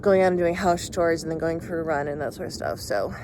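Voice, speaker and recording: A young woman talks to camera in a relaxed vlog, thinking out loud. Her voice sits a little low and is chatty and reflective. A faint hum of background noise runs under the recording. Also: fast. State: hiccups. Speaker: vlogger. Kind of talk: casual vlog talk to camera.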